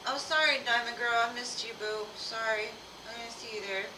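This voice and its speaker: A woman's voice: fairly high pitch, moderate pace. A woman talking informally and familiarly to viewers as the host of a live reading stream. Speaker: live tarot reader and host. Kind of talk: casual livestream chat. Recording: roomy, distant mic, clear background noise.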